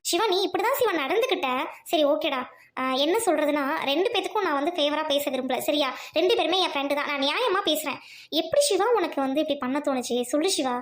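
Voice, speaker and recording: A woman's voice: sits high, lively intonation, fast talker, echoey room. A woman voicing a stern young female friend who speaks firmly and reproachfully, in an audio drama. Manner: firm, reproachful.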